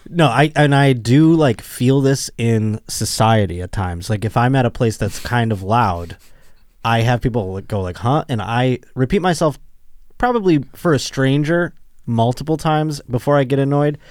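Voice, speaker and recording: A man's voice: mid-range voice, normal speed, a little mellow, no echo, clean studio sound. A young man hosting a podcast, chatting casually in a rambling, self-deprecating way and laughing often. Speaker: podcast host. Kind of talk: casual chat.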